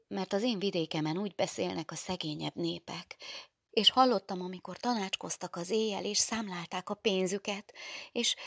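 A woman's voice: mid-range voice, fairly bright tone, slightly rough, no echo, studio quality, voice pushed up. A woman voicing a frightened young girl, a convent school candidate, who speaks breathlessly and stammers.

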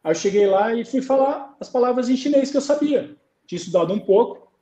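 Man, Brazilian goalkeeper coach, storytelling, mellow tone, roomy video call. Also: very high-pitched, animated, quick pace, muffled recording. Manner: storytelling, acts out dialogue. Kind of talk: conversational interview on a live stream.

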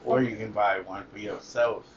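A man's voice: lowish voice, steady tone, normal speed. A man co-hosting in casual chat, joking around in profane slang. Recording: distant lo-fi mic, faint noise.

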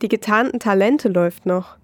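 A woman voicing a worried mother who speaks calmly to her daughter in an audio story. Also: medium pitch, normal speed, no echo, close to an everyday voice. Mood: soothing. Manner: calm, soothing. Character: worried mother hiding her fear, gentle.

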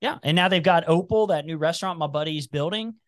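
A man's voice: on the high side, quick pace, dry recording, clean studio sound. Midwestern man with a slight Appalachian twang. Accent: Cincinnati with slight Appalachian twang. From Cincinnati, Ohio, US. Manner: rambling, animated, many restarts. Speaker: podcast guest. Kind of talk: casual podcast chat.

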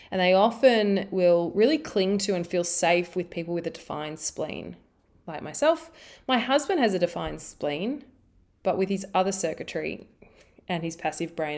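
A middle-aged woman telling a family story in a casual, chatty monologue, acting out the voices of her family. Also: medium pitch. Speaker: human design speaker.

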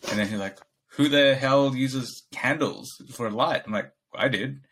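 A man's voice: mid-range voice, a little slow, fairly bright tone. A young man from Bangladesh, co-hosting a podcast in casual chat, rambling and laughing often as he acts out quoted dialogue. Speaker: podcast co-host.

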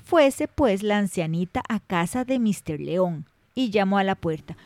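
A woman who hosts and narrates children's stories in an expressive storytelling manner. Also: medium pitch, unhurried, heavy background noise. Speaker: storyteller host.

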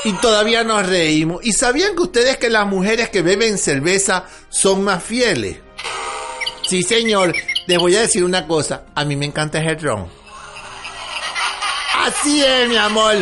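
A man's voice: high-pitched, expressive, measured pace. A man voicing a chatty, cheeky middle-aged woman with a Venezuelan accent in a comedy monologue, calling listeners "mi amor". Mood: gossiping. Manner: chatty, calls listeners "mi amor", laughs often. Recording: music playing underneath.

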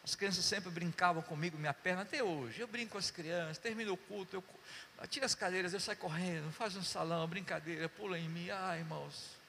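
A pastor preaching a sermon, telling stories and acting out voices while calling "Amém?" to the congregation. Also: male voice, high voice, fairly quick, creaky, a little hiss or hum. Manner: animated, acts out dialogue, calls "Amém?" to the congregation. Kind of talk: sermon with storytelling. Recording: long church hall reverb.

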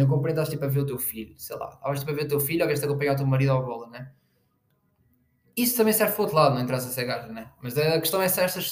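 A man's voice: fairly high pitch, echoey room. A young man with a European Portuguese accent, hosting a casual solo podcast in a rambling, slangy way, full of fillers. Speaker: podcast host.

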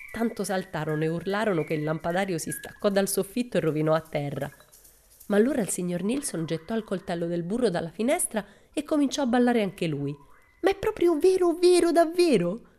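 A woman narrates a children's storybook in a measured, expressive reading. Her voice is on the lower side and dark, warm and mellow in tone. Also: a little hiss or hum. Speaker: audiobook narrator.

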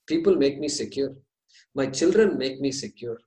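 A man with an Indian accent giving an explanatory religious discourse, deliberate and repeating key phrases for emphasis. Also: medium pitch, expressive, darkish tone. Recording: echoey room.

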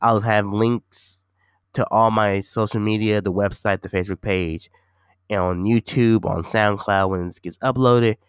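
In a dry, studio-quality recording, a man speaks unhurriedly with a low, steady, clear and resonant voice. He hosts a casual solo podcast and streams games, and here he rambles and repeats himself, congested and nasal because he's slightly sick.

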